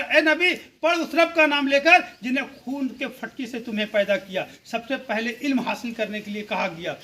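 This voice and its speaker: A man's voice: very high voice, sharp tone, slight background noise, low-quality recording. A man giving a public speech to a village gathering, exhorting the crowd with rhetorical questions and repeated lists. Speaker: speaker at a community blanket distribution event.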